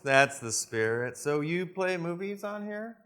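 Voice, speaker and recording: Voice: mid-range voice, lively intonation, measured pace, fairly bright tone. An actor playing a boastful, cheesy late-night horror host in a campy comedy skit, rambling and self-promoting. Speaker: guest horror movie host.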